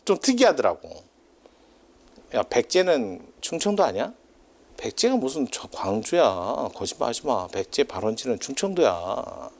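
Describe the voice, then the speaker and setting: A male lecturer talking to a class in a loose, chatty way, his pitch swinging up and down. He drifts off on tangents, teases and laughs often. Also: very animated, normal speed, a little mellow.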